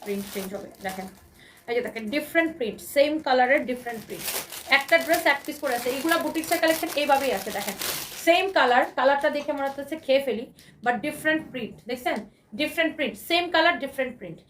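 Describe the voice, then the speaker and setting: A hoarse woman with a Bangladeshi Bengali accent runs a live clothing sale, talking fast in a high voice with eager, repetitive selling lines. She sits a little off the mic, with faint room noise behind her. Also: distant mic. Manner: enthusiastic, repetitive, mixes English phrases. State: hoarse from shouting. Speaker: live-sale fashion seller. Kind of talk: live shopping sales pitch.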